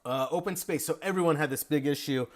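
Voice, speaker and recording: Energetic man singing drum rhythms. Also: fairly high pitch, fast. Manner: energetic, sings rhythms aloud. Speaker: drum instructor giving feedback. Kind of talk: video lesson feedback.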